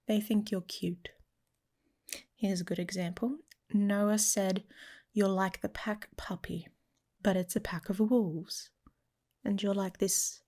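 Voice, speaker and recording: An audio roleplay performer with a medium-pitched voice plays a protective, teasing werewolf mate in an intimate ASMR romance. She speaks softly and casually, often slipping into a whisper.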